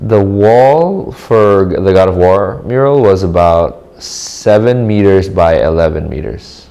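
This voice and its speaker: A man's voice: low voice, lively intonation, slow pace, creaky, dark tone. A man from the Philippines, giving casual, thoughtful interview answers in short reflective phrases. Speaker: artist interviewee.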